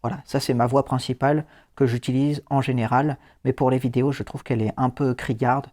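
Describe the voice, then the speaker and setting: A man talks through phone settings in an easygoing tutorial voice, pausing on fillers. His pitch sits in an ordinary middle range. He slips in the occasional dry joke. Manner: relaxed explainer with fillers and dry asides. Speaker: host. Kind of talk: casual screen-reader tutorial.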